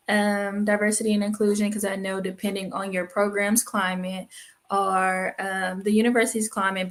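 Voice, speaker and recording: A woman graduate student on a video call panel, speaking thoughtfully with frequent pauses. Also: medium pitch. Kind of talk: panel discussion.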